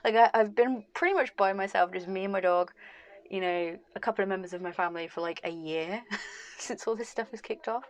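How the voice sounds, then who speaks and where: Here a woman speaks at medium pitch, a little fast, in a relaxed talking-to-camera vlog. Frank and chatty, she laughs frequently, says "like, you know" a lot, and sounds slightly hoarse, as if losing her voice.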